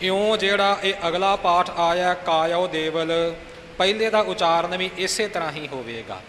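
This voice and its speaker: A man teaching how to recite scripture, chanting lines slowly and then explaining pauses and pronunciation. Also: high-pitched, fairly bright tone. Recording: echoey room with long reverb and faint hiss.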